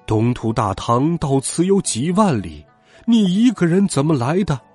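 A man's voice: on the high side, sing-song, a little slow, a little mellow, husky, soft background music, voice pushed up, exaggerated voice. A man voicing a worried elderly villager in a storybook, drawn out and plaintive. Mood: suspicious.

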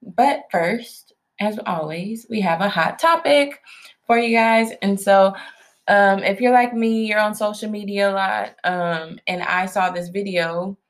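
A woman's voice: medium pitch, unhurried. A woman co-hosting a marriage podcast with her husband, telling stories in a chatty, easygoing way. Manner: chatty storyteller, laughs easily. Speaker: podcast co-host. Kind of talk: casual chat.

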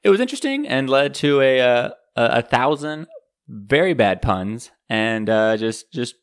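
A man's voice: mid-range voice, sing-song, a little slow. Joking young man quizzing his co-host. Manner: joking, quizzing, laughs often. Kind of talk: casual podcast chat.

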